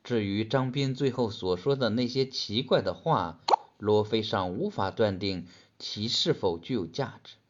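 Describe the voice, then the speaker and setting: A man reads a story aloud for practice in a low, measured voice. The recording is muffled and lo-fi, with little top end. He sounds like a student sharing his reading. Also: lively intonation. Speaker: student reader. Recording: dull lo-fi recording.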